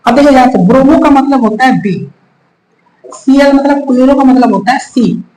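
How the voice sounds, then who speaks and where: A man's voice: extremely high pitch, normal speed, a little mellow. A male chemistry teacher giving a whiteboard lesson, patiently repeating steps, counting aloud and addressing his students as children. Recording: echoey room, faint ambience.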